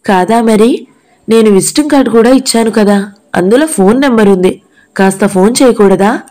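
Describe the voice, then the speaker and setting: A woman plays a kindly older gentleman in an audio novel. He sounds gentle and reassuring, with a mellow tone. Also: fairly high pitch, normal speed, natural voice.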